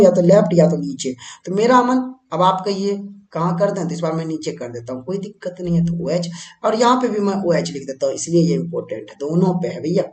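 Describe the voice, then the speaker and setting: A man's voice: sits high, a little mellow, reverberant. A man teaching a chemistry lesson at a board, chatty, keeps asking his students questions and answering them himself. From India. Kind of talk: board-exam lesson at a whiteboard.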